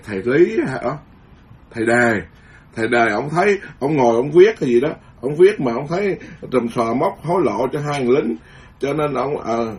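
A man, a Buddhist monk giving a dharma lecture in an emphatic, repetitive way, often restarting his words. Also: mid-range voice.

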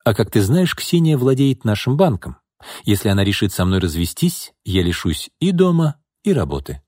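A man voicing a drunken, pushy middle-aged businessman in an audiobook, needling, bitter and rising into angry shouts. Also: lowish voice, sing-song, normal speed, no echo, studio quality. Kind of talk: audiobook character reading.

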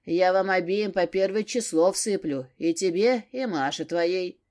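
A woman reading an audiobook, voicing a gruff, commanding older father who barks his words. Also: fairly low pitch, unhurried, a little mellow, close to an everyday voice. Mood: stern. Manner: barking, stern.

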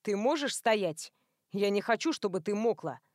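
A woman's voice: animated, a little mellow, dry recording, clean studio sound, natural voice. A woman voicing an exasperated, bossy young man in an audiobook story. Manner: low, slow and curt.

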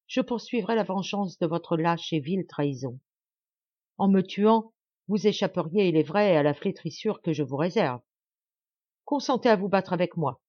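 A woman's voice: lowish voice, darkish tone, no echo, muffled recording. A woman voicing a furious young nobleman.

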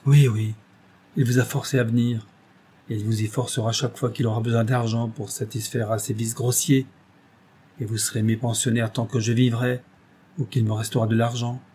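A man voicing a desperate, proud noblewoman who speaks in a sharp, commanding and scornful way, in an audiobook reading. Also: medium pitch, flat delivery, moderate pace, a little hiss or hum, close to an everyday voice. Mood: bitter.

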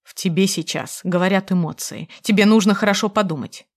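A woman reading the part of a cold, manipulative husband, speaking slowly and with measured pressure. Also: medium pitch, darkish tone, close to an everyday voice. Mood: menacing.

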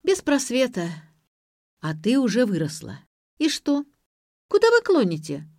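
A sullen, sharp-tongued teenage girl from an audiobook, acted by a woman reader. Her voice rises high and loud as she snaps and sneers. The recording is dry and close. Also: wildly swooping pitch, unhurried, no echo, full character voice. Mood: snappish. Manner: snapping, sarcastic, defiant.

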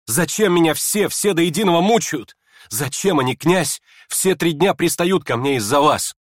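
A man reading aloud and voicing a proud young woman, furious and scornful, in shrill indignant outbursts. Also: animated, normal speed, dry recording, clean studio sound. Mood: hysterical.

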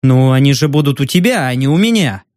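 A man voicing a smug, menacing former dockworker in an audiobook, taunting slowly and slyly. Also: mid-range voice, animated, darkish tone, dry recording, studio quality, lightly acted. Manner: slow, taunting and sly. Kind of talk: audiobook narration.

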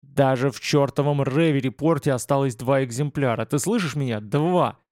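An enraged young writer snaps out short, harsh lines, as a male narrator voices him. The voice sits at a middling pitch. It is recorded dry and close for an audiobook. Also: normal speed, a little mellow, no room sound, close to an everyday voice. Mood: furious. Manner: harsh, clipped outbursts.

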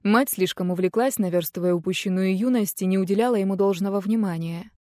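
A woman reading a first-person novel aloud in a quiet, measured, intimate way. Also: mid-range voice, dry recording, clean studio sound. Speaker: audiobook narrator. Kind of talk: first-person audiobook narration.

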